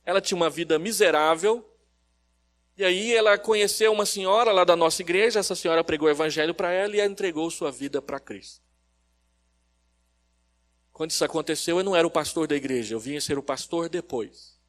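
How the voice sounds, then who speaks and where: A Brazilian-accented pastor preaches at a church service in a fairly high voice. He tells stories and asks the congregation questions. His delivery swings between loud, stressed lines and quiet, low-key phrases. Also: brisk. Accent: Brazilian Portuguese. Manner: storytelling preacher who quizzes the congregation. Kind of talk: expository sermon.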